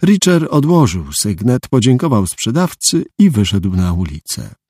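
Guy reading an audiobook, gravelly dark voice, dry close sound. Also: mid-range voice, big pitch swings, a little slow, no room sound. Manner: dry, matter-of-fact storytelling. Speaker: audiobook narrator. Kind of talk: scripted narration.

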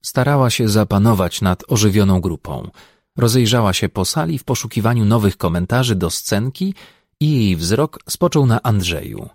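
A man narrating an audiobook in a wry, even storytelling manner. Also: lowish voice, moderate pace, no echo, clean studio sound.

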